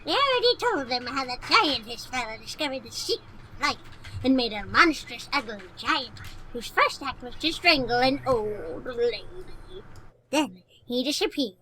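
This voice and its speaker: A woman's voice: high voice, lively intonation, bright, forceful tone, rough recording. A woman playing a 102-year-old witch who tells horror tales with gleeful, theatrical relish in old-time radio style. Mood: sinister glee. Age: 102-year-old figure. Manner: gleeful, theatrical storytelling with drawn-out words.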